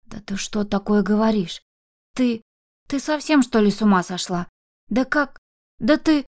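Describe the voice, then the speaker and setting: A woman's voice: mid-range voice, moderate pace, a little mellow, close to an everyday voice. A woman voicing an anxious old grandmother who scolds and laments over her granddaughter. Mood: distraught. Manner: agitated, lamenting, exclamatory.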